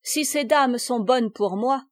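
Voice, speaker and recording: A proud young courtesan answers curtly, with cool disdain, as a woman reads her. Her voice is pitched a little high and raised above the narration, dry and close to the mic. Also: takes it slowly, dry recording. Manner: curt, cool.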